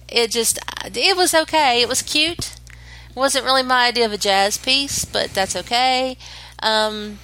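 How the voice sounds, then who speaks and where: Bright, chatty female podcast co-host. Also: a little high, poor audio. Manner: chatty, opinionated, quick to joke. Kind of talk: casual chat.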